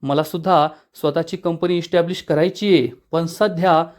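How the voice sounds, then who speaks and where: A mild young man who reasons calmly, as a narrator puts him on, speaking gently. The voice is the narrator's own, a bit high. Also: moderate pace, close to an everyday voice.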